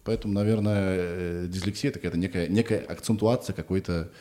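Low-voiced man hosting a casual interview. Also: steady tone, fast talker, dark tone. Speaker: podcast host, interviewer.

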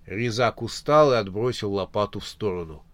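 A man narrating a comic horror storybook in a measured, unhurried reading. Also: on the low side, no echo. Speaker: audiobook narrator.

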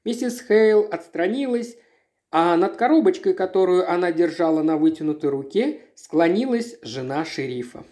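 An audiobook narrator reading a literary story in a measured, expressive way. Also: mid-range voice.

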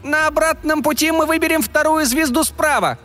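A man voicing a tiny, quick-tempered male fairy in a piercing falsetto, boastful and irritable. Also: sharp tone, soft background music. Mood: indignant. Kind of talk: audiobook character voice.

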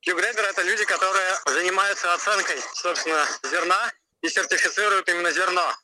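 A man calling in on speakerphone as a coffee expert, talking in a relaxed, slangy, matter-of-fact way from outdoors. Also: high voice, a little fast, slight background noise, rough recording. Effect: heard over a phone on speakerphone. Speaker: coffee expert called in by phone. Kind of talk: casual phone chat. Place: outdoors crossing a highway bridge.

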